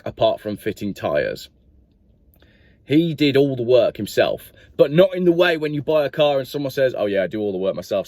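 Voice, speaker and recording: The man's voice is lowish and darkish, recorded with no room sound. As a car reviewer he rambles casually through the vehicle's history and receipts, often addressing viewers with direct questions.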